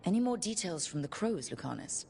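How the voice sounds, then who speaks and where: Very animated and fairly quick, this woman's fairly low, darkish voice has vocal fry and a little background hiss. She performs dramatic fantasy game dialogue as an earnest young leader of heroes, determined, plain-spoken and rousing.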